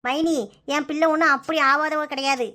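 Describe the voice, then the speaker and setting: A woman's voice: high-pitched, fairly even intonation, normal speed, sharp tone. A woman voicing a protective middle-aged mother of the bride in a comic cartoon, with a Kanyakumari Tamil accent and a firm, placating manner. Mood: indignant.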